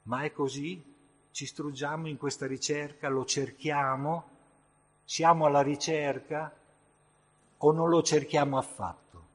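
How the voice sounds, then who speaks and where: Male preacher, slightly high, husky voice, unhurried emphatic sermon, long hall reverb. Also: flat delivery. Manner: slow, emphatic delivery with sudden surges in loudness.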